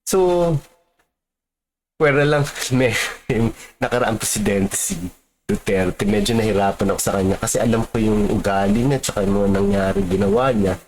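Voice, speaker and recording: A man's voice: lowish voice, normal speed, a little mellow, a little hiss or hum. Rambling Filipino man, casual talk. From Philippines. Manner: rambling, many fillers and tag questions. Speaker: street photographer.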